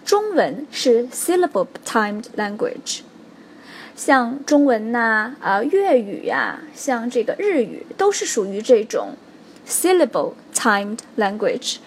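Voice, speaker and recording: A woman teaching a spoken English lesson, explaining stress rules clearly and stopping to check in with her students. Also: on the high side, very animated, a little hiss or hum. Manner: explains slowly and clearly, stressing example words, checks in with "OK?" and "right?".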